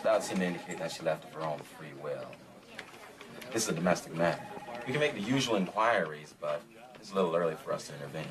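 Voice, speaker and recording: A police officer brushes off a missing-person report in a brisk, official way. He talks fast in a low voice while film music plays under him. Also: animated. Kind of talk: film drama.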